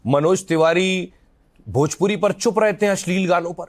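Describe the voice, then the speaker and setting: A man's voice: high-pitched, moderate pace. A man interviewing a guest, asking pointed, challenging questions. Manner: probing, challenging.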